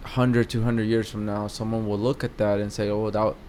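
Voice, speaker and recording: A guest artist from Mexico, a man in his thirties with a Mexican accent, speaks hesitantly in a casual interview, with many fillers and restarts. His voice is fairly low, level, and darkish in tone at a normal speed, with slight background noise.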